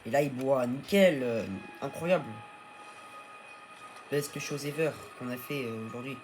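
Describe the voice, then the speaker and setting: A man's voice: medium pitch, a little slow, darkish tone, slight background noise. A man hosting a gaming video, chatting casually as he plays and coaxing his tamed creatures aloud. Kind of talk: casual let's-play commentary.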